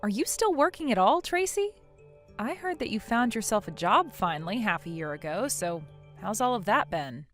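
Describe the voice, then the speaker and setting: Woman as fed up younger sister, mid pitch, dry and sarcastic, audio story drama. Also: big pitch swings, moderate pace, fairly bright tone, soft background music. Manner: dry, curt, guarded. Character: weary, sarcastic younger sister, hard-working and unimpressed. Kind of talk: scripted audio story dialogue.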